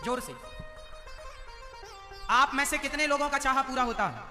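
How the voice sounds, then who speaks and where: A man's voice: very high-pitched, lively intonation, moderate pace, sharp tone, big-room sound, faint music behind. A man preaching a devotional sermon, teasing and questioning his audience and chanting verses.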